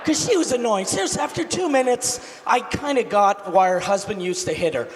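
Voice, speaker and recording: A man performing a crude stand-up comedy set on a large theater stage, talking loudly into a handheld mic, shifting between shouting and low muttered asides. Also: a little fast. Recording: live hall with reverb, audience noise.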